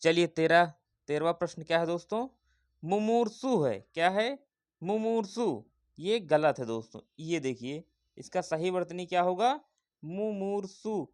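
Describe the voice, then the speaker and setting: A man's voice: sits high, animated, measured pace, a little mellow. A man teaching an exam-prep spelling lesson, repeating each word and asking viewers questions.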